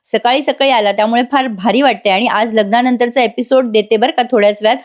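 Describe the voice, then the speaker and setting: A woman's voice: on the high side, steady tone, fast. A woman narrating a voice-over recap of a TV serial, chatting directly with viewers. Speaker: TV serial reviewer.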